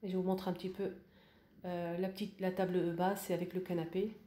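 A woman's voice: fairly low pitch, level tone, a little fast, mellow, echoey room. A woman giving a casual home decor tour and showing her purchases, talking hesitantly with many fillers and restarts. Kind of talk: casual voice-over room tour.

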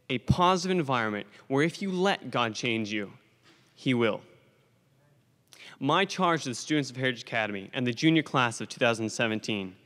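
A man's voice: medium pitch, a bit bright. Teen boy, commencement testimony, earnest storyteller, podium mic in a reverberant gym. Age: teens. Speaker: graduating student speaker. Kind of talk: commencement speech. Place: school gymnasium stage at a lectern. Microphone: podium microphone on a stand. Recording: long hall reverb from a large gym.

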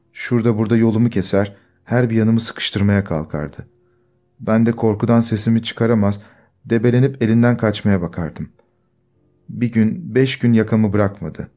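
A man's voice: medium pitch, close to an everyday voice. Man reading as a timid wronged young woman. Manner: quiet, timid, restrained storytelling.

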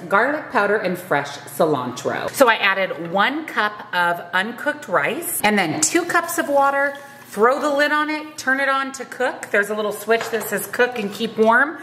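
A woman in her thirties chatting brightly through a cooking walkthrough in her home kitchen. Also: on the high side, lively intonation, unhurried, a little hiss or hum. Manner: upbeat, chatty. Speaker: food vlogger.

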